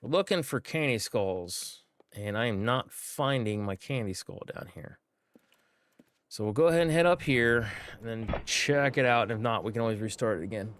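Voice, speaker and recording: Livestreaming gameplay, an American man chats casually in a mid-range voice, rambling along with lots of filler words. A slight background noise sits under the audio.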